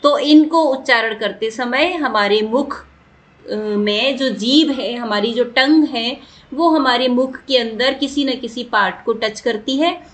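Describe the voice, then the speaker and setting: Lady teacher, kinda high voice, explains slow and repeats stuff, keeps asking the class. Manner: patient, repeats points and asks the class questions. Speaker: Sanskrit teacher.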